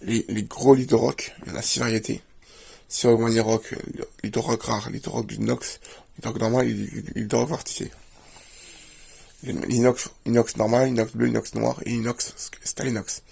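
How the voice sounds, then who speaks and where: A man's voice: medium pitch, level tone, moderate pace, gravelly, a little mellow, husky. A man, a video creator, doing a casual show-and-tell and plainly listing items one after another. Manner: plainly lists items while leafing through a book.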